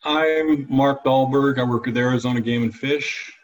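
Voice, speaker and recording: A man who manages a wildlife agency program, answering interview questions in a relaxed way. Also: mid-range voice, normal speed, low-quality recording. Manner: relaxed, a few restarts.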